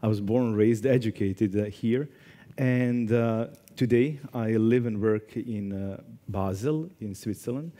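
A man in his forties from Serbia speaking as a conference panelist, earnest and deliberate, in a large hall. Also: on the low side, dark tone. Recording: long hall reverb.

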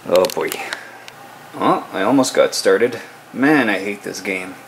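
A man's voice: fairly low pitch, animated, takes it slowly, creaky, a little hiss or hum, rough recording. A man in his thirties casually vlogging at home, chatty and a bit grumbly. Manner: laid-back, chatty, mildly grumbling. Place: home kitchen and living room. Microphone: camera mic.

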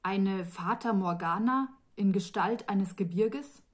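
A woman's voice: mid-range voice, slow pace. Aaron, a woman reading a young male sorcerer apprentice. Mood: insistent. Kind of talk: audiobook reading of a fantasy novel.

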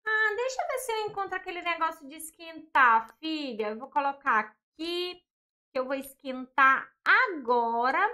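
A woman's voice: sits high, sharp tone. A woman voicing a young mother in a storybook role-play, cooing sing-song baby talk at her infant. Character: young mother, proud then tender, doting.

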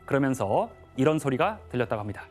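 A man lecturing on history in a TV studio, measured and explanatory, often pausing with little "yes" fillers. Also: mid-range voice, sing-song, a little mellow, soft background music.

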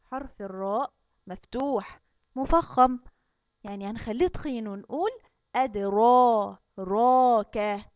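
A woman with an Egyptian accent teaching young children, drawing out her recitation slowly and explaining quickly between verses. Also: a little high, expressive, dry recording. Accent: Egyptian Arabic. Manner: slow, drawn-out recitation with fast explanations between. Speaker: kindergarten Quran teacher. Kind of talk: recorded online lesson for young children.

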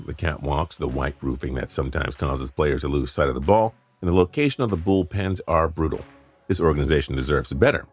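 A man reading a scripted sports countdown, opinionated and wry. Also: extremely low pitch. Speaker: sports video narrator.

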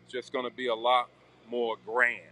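Recording on a handheld phone as he moves around a church construction site, both inside and outside, a middle-aged man gives a cheerful, informal walkthrough full of fillers. He speaks at normal speed in a medium-pitched, monotone voice that is bright and forceful.

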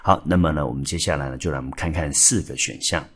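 Male teacher from Taiwan, deep gravelly-husky voice, steady explainer who spells out words. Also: fast talker. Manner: explains step by step, spells out letters, many filler particles. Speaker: English teacher. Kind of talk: exam-prep vocabulary lesson. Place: school classroom or studio.

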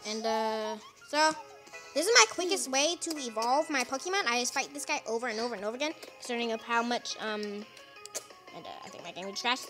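A woman's voice: a little high, fairly quick, over music. A woman hosting her gaming channel, giving casual, rambling commentary full of fillers and restarts, recorded on a phone set down nearby.

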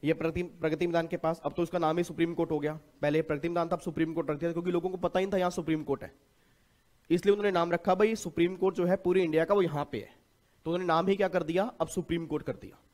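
A man giving a tax class, lively, asking his students questions and answering them himself. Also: a little high, racing. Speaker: tax lecturer. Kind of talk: classroom lecture.

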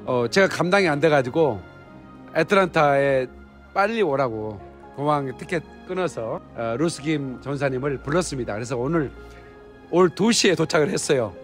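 A man's voice: on the high side, lively intonation, moderate pace, faint music behind. A man in his fifties, a pastor, conducting a casual conversational interview indoors with a handheld phone as microphone. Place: indoor hotel lobby lounge.

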